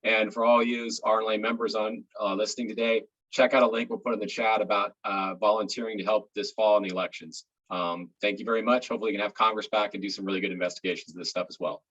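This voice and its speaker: A man's voice: on the low side, flat delivery, fast talker, hardly any pauses, fairly bright tone. A man moderating an online panel, asking loose, hesitant questions over muffled call audio.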